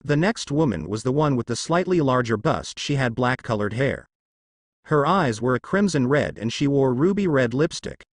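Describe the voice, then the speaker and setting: Man, fan fiction narrator, descriptive storytelling, lively pitch, dry close recording. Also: normal speed, no room sound. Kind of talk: reading fan fiction aloud.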